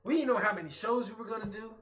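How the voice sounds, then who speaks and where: A man's voice: sits high, racing, a bit bright. A man hosting a casual group show with frat-bro buddy hype, speaking emphatically and repeating phrases. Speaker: host of a pregame show. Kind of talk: casual hyped group banter to viewers. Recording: roomy echo, clear background noise.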